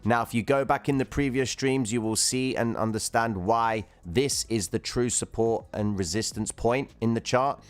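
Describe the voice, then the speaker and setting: Speaking at a normal speed in a medium pitch with hardly any pauses, this livestream host chattily walks viewers through chart trading. He reads their comments aloud and addresses them as "guys" and "bro."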